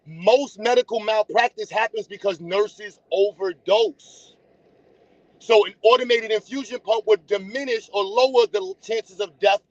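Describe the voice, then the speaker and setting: An American man hosts a casual livestream, speaking to his viewers bluntly and teasingly at a measured pace. His high voice is captured dry and close, with no room echo. The audio sounds dull and lo-fi.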